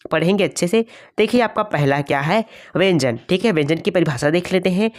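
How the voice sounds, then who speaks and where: एक महिला शिक्षिका, छत्तीसगढ़ी हिंदी लहजा. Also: female voice, medium pitch. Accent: Hindi of Chhattisgarh. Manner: repeats points as quiz questions, keeps saying "ठीक है". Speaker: online teacher. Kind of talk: exam-prep lesson.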